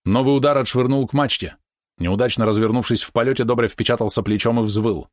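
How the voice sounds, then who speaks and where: A man narrating an audiobook in a steady, measured storytelling manner. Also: medium pitch, no room sound, studio quality. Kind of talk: scripted narration.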